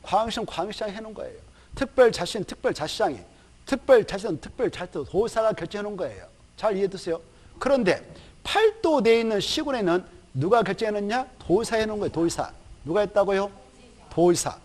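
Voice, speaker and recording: High, lively male lecturer. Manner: lively, chatty, asks the class questions and answers them himself; acts out officials in quick quoted asides. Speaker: exam prep lecturer. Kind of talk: recorded online lecture.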